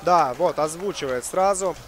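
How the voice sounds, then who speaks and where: A man's voice: on the high side, moderate pace, slight background noise. A man giving live football commentary as a match commentator.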